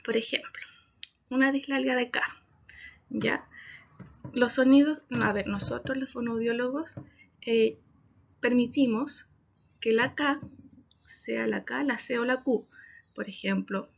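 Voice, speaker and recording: Woman explaining, gravelly and high. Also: unhurried, pauses often. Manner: explanatory, frequent "¿ya?" check-ins. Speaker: speech therapist. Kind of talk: workshop talk for parents. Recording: dull lo-fi recording.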